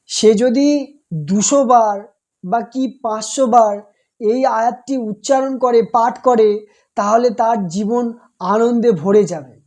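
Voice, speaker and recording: A woman speaking in a deliberate monologue, repeating phrases and asking rhetorical questions in a scolding manner. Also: fairly high pitch, a little mellow. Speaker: speaker giving a religious commentary.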